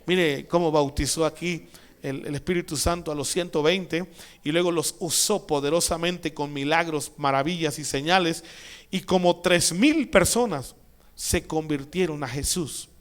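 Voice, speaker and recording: High-voiced man preaching a sermon. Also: normal speed, clear, resonant tone. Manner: preaching with rising emphatic peaks and quiet asides. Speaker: pastor.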